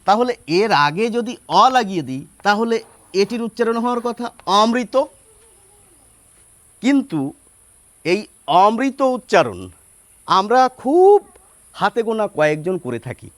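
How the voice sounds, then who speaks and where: Lively, high-voiced man teaching pronunciation. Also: no echo. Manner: explains step by step, spelling words out slowly and asking rhetorical questions. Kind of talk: spoken lesson explaining pronunciation.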